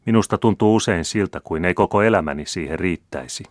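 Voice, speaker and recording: A man's voice: deep voice, dry recording, clean studio sound, close to an everyday voice. A man reading an audiobook, voicing a serious young nobleman who speaks earnestly. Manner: earnest, pleading.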